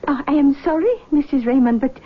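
A woman playing a mysterious, commanding seance medium in a scripted drama, speaking slowly and gravely with portentous pauses. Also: high-pitched, phone-quality sound, natural voice. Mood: formal, commanding.

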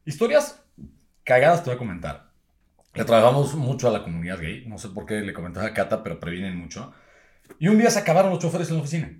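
A man's voice: mid-range voice, sing-song, quick pace, darkish tone, echoey room. A Mexican man, a business owner, telling stories with crude slang in a casual podcast chat. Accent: Mexican Spanish. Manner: storytelling with crude slang, acts out drunk clients. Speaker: guest, owner of designated-driver service.

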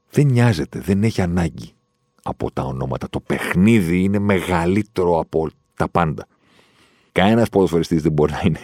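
Deep-voiced sarcastic man ranting about football. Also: no echo, studio quality. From Greece. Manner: animated, sarcastic, swings between loud outbursts and muttered asides. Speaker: football podcast host. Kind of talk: opinionated monologue.

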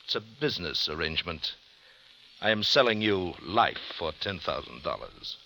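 Scarborough, a silky deep-voiced killer. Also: male voice, expressive, moderate pace, gravelly, bright, forceful tone, slight background noise, full character voice. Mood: silky, mocking. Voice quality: formal, mannered diction. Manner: silky and menacing. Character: suave cold-blooded male hired killer. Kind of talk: 1950s radio drama acting.

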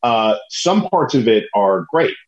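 A man co-hosts a podcast from home, chatting casually with fillers and restarts in a mid-range, sing-song voice at a measured pace. The remote line is dull, lo-fi and tinny, so he sounds as if he's talking inside a tin can.

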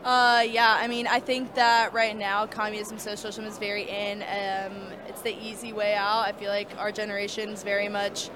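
A young woman from California answers interview questions in a hesitant way, filling pauses with "um." Her voice stays flat, and clear background noise runs behind her outdoors. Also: mid-range voice. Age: young adult.

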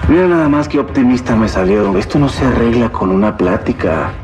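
A man's voice: medium pitch, lively intonation, brisk, natural voice. A man playing a contemptuous drug lord. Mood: menacing. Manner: commanding, insulting, contemptuous. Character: menacing male drug lord boss. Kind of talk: telenovela dialogue clips.

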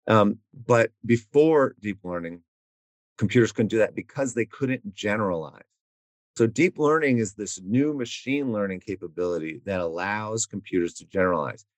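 A man's voice: fairly low pitch, no echo. A man as a podcast guest, explaining ideas step by step through everyday examples in casual conversation. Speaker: guest expert.

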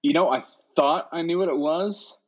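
A man's voice: fairly high pitch, normal speed. A man co-hosting a casual movie podcast, rambling with restarts and fillers, often laughing. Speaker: podcast co-host. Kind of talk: casual movie-list chat. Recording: dull lo-fi recording.

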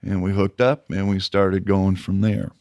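A man's voice: deep voice, level tone, measured pace, darkish tone, no echo, clean studio sound. A man speaking as a company founder and podcast guest, giving conversational interview answers.

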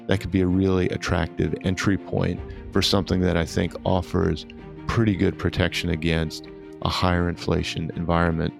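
A man's voice: low-pitched, creaky. A man speaking as an expert guest, explaining in an interview style.

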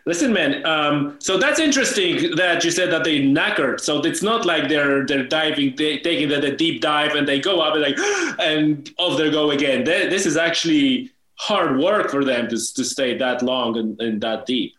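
A man's voice: fairly high pitch, animated, normal speed, hardly any pauses, pushed and bright. Man hosting in an echoey room. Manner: informal, curious, rephrases his questions. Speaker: podcast host. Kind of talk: casual interview chat. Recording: roomy, echoey microphone sound.

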